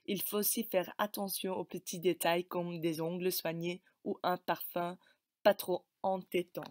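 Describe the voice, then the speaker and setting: A woman giving a scripted presentation of advice in a calm, advisory way. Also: fairly low pitch, a little slow, dry recording, clean studio sound. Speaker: student presenter.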